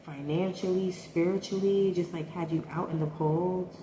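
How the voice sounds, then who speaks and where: A woman's voice: lowish voice, steady tone, moderate pace. A woman giving a casual tarot reading, thinking aloud and hesitating often. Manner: hesitant, thinking aloud with many ums and likes. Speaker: tarot reader. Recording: echoey room with faint noise.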